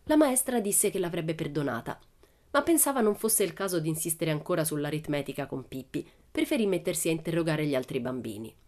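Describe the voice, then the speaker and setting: A woman reading a children's storybook aloud in a lively, expressive narration. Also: low voice, fairly quick. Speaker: audiobook reader.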